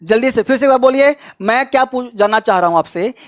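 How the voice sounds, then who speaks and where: A man teaching spoken English, drilling phrases slowly and repeating them, urging students to answer. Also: very high-pitched. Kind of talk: Hindi-language English lesson with drills.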